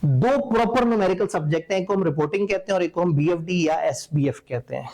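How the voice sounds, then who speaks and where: Man, teacher, casual wry lecture, opinionated, slightly high voice. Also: quick pace, darkish tone. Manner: conversational, wry and opinionated explaining. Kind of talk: lecture to accountancy students.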